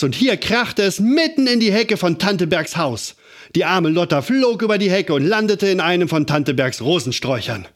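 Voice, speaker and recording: Man reading a children's story with animated delivery. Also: a little high. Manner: animated, dramatic build-ups.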